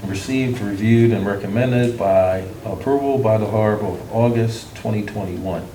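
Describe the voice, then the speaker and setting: Man, meeting chair, low voice, brisk procedural, distant mic, room noise. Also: warm tone. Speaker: council president chairing meeting. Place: council board room. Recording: echoey room, far mic, noisy.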